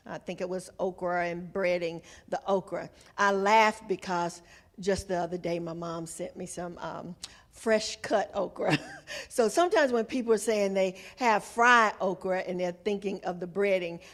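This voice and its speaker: A woman with a Southern American accent presents an informal nutrition workshop to a group in a folksy, conversational way, checking in with her listeners through questions. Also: lowish voice. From Southern United States. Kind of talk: informal health talk to a group.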